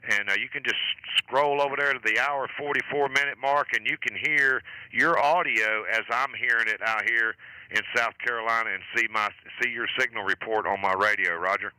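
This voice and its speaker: A man hosts a radio net in a very bright, forceful voice, crisp and dry on a close mic. He chats informally and chummily, dropping in radio procedure words. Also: mid-range voice, moderate pace, dry recording, poor audio. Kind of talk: casual amateur radio net chat.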